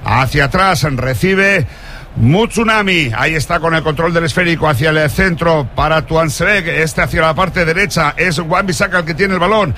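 High-voiced Spanish man, breakneck goal commentary. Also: a little hiss or hum. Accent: Spain. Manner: excited, shouted, drawn-out goal calls. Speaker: play-by-play football commentator.

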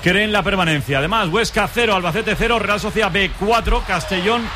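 Fast-talking Spanish man hosting sports radio. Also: high-pitched, music in the background. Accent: Spain. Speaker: sports radio show host. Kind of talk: live sports round-up, reading scores and handing over to reporters.

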